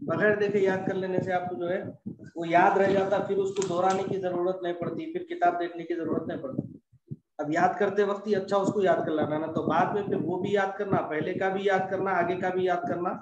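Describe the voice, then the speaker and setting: Male tajweed teacher, high voice, patient and repetitive, drawn-out examples, echoey room. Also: little pitch movement, distant mic, highs cut off, background noise. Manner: patient, repetitive explaining, stretches out example words. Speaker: Quran recitation teacher. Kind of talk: classroom lesson on tajweed rules.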